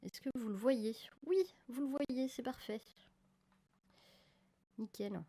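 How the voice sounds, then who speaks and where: A woman with a fairly high, mellow voice takes her time as she streams live, chatting casually with viewers while doing film photography work. She often stops to correct herself mid-sentence, and her desk-mic audio crackles slightly.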